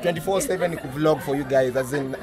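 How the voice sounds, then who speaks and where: A young man with a Kenyan accent giving a playful shout-out at a campsite, mixing English and Swahili while hyping the viewers. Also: on the high side, quick pace. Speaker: fellow traveler and YouTuber. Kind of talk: casual vlog shout-out. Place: outdoors at a campsite shelter. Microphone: phone camera at arm's length. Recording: music and crowd noise behind. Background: music and people talking.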